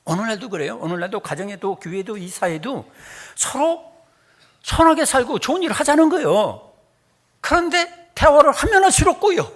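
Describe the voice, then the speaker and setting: A man's voice: very high-pitched, moderate pace. A middle-aged male pastor delivering a sermon, telling humorous stories and acting out quoted dialogue. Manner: animated, humorous storytelling with acted dialect quotes.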